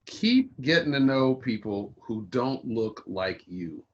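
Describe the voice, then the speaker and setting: A man with a lively, rising-and-falling voice leads the group with calm, encouraging questions. The sound is a little dull and lo-fi, as over a video call. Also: mid-range voice, slow. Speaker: workshop facilitator on race. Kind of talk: video-call play acting.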